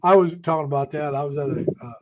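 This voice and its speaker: A man's voice: on the high side, steady tone, fast talker, low-quality recording. An older man co-hosting a live stream, telling rambling stories in casual chat with many restarts.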